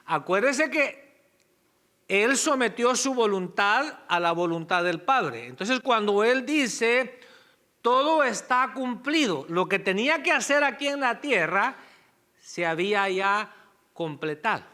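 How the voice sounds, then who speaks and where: Slow, bright-voiced preaching man. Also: high-pitched, expressive. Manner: conversational preaching, asides and self-corrections. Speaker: pastor. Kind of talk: sermon.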